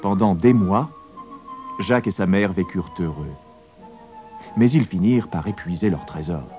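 A man narrating a fairy tale as a storybook reading, with a very expressive, swooping delivery. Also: sits low, normal speed, soft background music.

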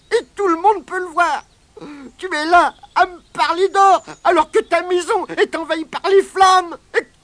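A woman voicing a tiny, wily male leprechaun who whines, pleads and tries to trick, in a very high, shrill voice. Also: a bit bright, dry recording, exaggerated voice. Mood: wheedling. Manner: sly and pleading, fakes tears and fright.

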